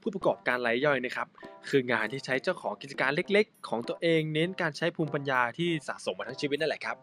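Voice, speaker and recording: A man's voice: medium pitch, animated, fast talker, fairly bright tone, faint music behind. A young man hosting a comic educational presentation, playful and teasing but polite. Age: young adult. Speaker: host.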